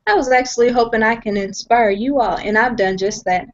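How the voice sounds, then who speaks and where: A young woman guest tells her personal story on a video call from home, speaking fairly quickly in a fairly high-pitched voice. She is earnest and emphatic, often repeats herself, and restarts sentences. The sound is dull, lo-fi video call audio.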